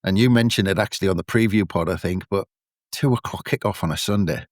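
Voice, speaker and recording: A man's voice: sits low, fast talker, dry recording, studio quality. A man casually hosting a football podcast and introducing his guests. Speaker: podcast host.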